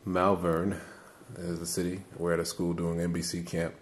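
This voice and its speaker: A man's voice: deep voice, completely flat delivery, moderate pace, a little hiss or hum. A man hosting a casual interview, playful and laid-back as he introduces his guests. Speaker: interviewer, host.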